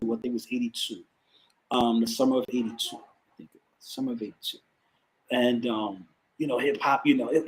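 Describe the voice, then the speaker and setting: A man's voice: mid-range voice, rough recording. A man in his fifties with a New York accent, a hip hop artist telling his story as an interview guest, reflective and a little emotional, repeating words often. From the Bronx, New York. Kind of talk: casual interview conversation.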